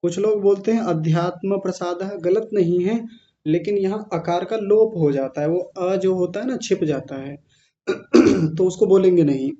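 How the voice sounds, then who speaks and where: A male teacher leading a recitation class, chanting verses syllable by syllable, correcting pronunciation and often clearing his throat. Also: high voice, a little slow, dark tone, highs cut off. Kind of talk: online class pronunciation drill.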